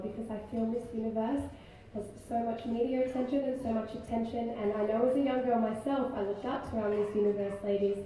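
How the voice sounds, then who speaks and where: Very mellow young woman, echoey pageant stage. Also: a little high, recorded from a distance. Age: 20s. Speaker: pageant contestant. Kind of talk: earnest stage answer. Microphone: microphone on a stand, heard through hall. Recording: echoey hall from afar, faint noise.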